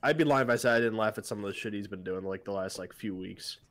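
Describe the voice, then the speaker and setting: A man co-hosting a casual video reaction show, with deadpan and crude humor. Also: on the low side, quick pace.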